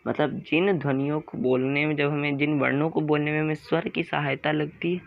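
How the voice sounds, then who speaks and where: Male grammar teacher, gravelly voice, quizzes and answers himself, dull lo-fi recording. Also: a little high, level tone. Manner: repeats sounds slowly, asks and answers own questions. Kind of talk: classroom-style explanation.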